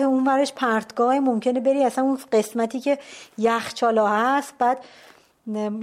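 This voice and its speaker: A woman casually telling a personal story out loud. She is animated, sometimes drops to a hushed whisper, and often breaks off mid-word to restart. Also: on the high side. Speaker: storyteller recounting a climb.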